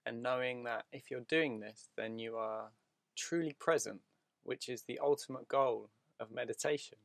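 Leading a calm, slow meditation, this man speaks in brief phrases with lengthy pauses in between. The voice is mid-range, steady, and creaky, and there's no echo.

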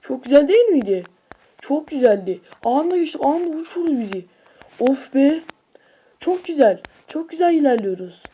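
The recording is rough, and the speaker is an excitable, high-voiced video creator commenting on gameplay at normal speed. The talk is slangy and relaxed, broken up by shouts and whoops.

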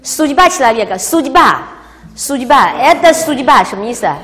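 A woman teaching a language class, explaining words and quizzing her students in a lively way, recorded in a classroom. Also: high voice, normal speed. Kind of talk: classroom lecture. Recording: reverberant classroom.

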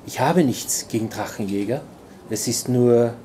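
A man reading aloud voices a mysterious, seductive woman with a smoky, quiet, coaxing voice. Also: mid-range voice, measured pace, slight background noise, lightly acted.

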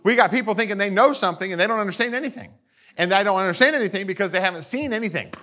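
A male pastor preaching a sermon to his congregation, animated and often asking them for agreement. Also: sits high, racing.

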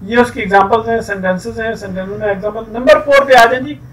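A man teaching an English grammar lesson, explaining rules with many fillers and reading example sentences slowly. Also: high-pitched, distant mic, rough recording.

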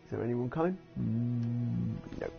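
A man's voice: mid-range voice, a little slow, creaky, soft background music. A man from the UK giving rambling, giggly casual commentary while streaming a game. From United Kingdom. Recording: dull lo-fi streaming audio.

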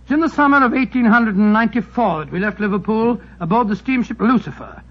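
A bumbling older doctor, high-pitched and fussy, dull radio sound. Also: male voice, animated, quick pace. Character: genial older male doctor, storyteller. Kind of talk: 1940s radio acting. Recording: dull old radio broadcast with music.

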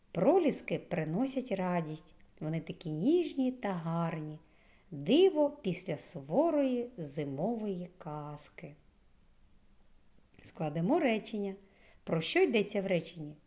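Slow, lively-voiced preschool teacher woman. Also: mid-range voice. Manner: slow, clearly stressed words for small children. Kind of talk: children's lesson.

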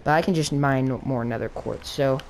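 A woman playing a game with a friend, talking excitedly and nervously through every move in casual chat. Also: extremely low pitch, fairly quick, slight background noise. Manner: frantic, excitable, talks through each move aloud. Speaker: gaming channel co-host. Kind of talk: casual let's play chat.

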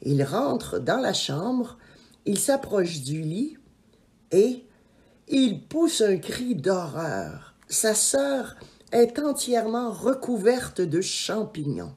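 A woman reading a children's story aloud in an expressive, measured way. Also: medium pitch. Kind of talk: scripted children's story narration.

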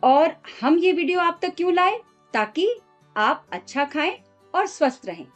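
A woman's voice: extremely high pitch, lively intonation, unhurried. A woman hosting a cooking show, introducing the episode and commenting in a polished, inviting tone. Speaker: show host and narrator. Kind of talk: presenter voice-over. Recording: light background music.

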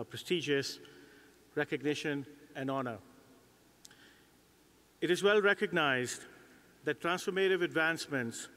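A man's voice: a little high, pushed and bright. A middle-aged man giving a polite, slightly hesitant formal acceptance speech at a commencement podium. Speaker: award recipient. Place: large indoor commencement stage. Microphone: podium mic. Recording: long reverb of a big hall.

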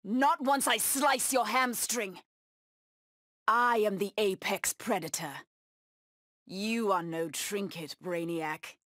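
A woman voicing a savage, proud cheetah-woman huntress in a video game, taunting her prey with deliberate menace. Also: mid-range voice, a bit bright, no room sound, clean studio sound. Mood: fierce, proud.

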